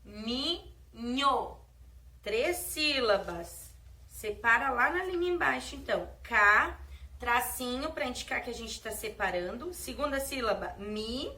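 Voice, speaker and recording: A Brazilian woman teacher speaks to small children in a slow, drawn-out way. Her voice sits a little high and sounds bright and clear. She is recorded from a distance, with faint noise behind her. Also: lively intonation. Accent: Brazilian Portuguese. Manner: slow, warm-hearted teacher talk to small children, drawing out words. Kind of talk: children's lesson.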